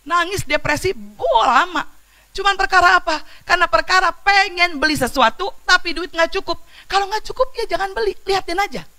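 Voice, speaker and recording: In church, a woman delivers a sermon in a casual, lively way, moving between loud exclamations and quiet storytelling. She uses slang and puts questions to the congregation. Her voice is very high-pitched and her pace is normal.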